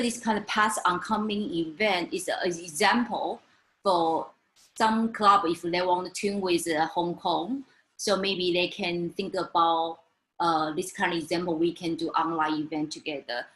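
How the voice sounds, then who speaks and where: A woman from Taiwan, an English speaker, presenting slides in a webinar, halting with many fillers and restarts. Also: on the low side, a bit bright, poor audio.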